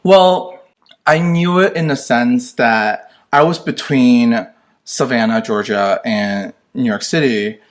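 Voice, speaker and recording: A man's voice: mid-range voice, slow pace. A man in his thirties from China, a designer guest chatting in a sassy, flamboyant way in his living room. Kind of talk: casual interview chat. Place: colorful living room at home.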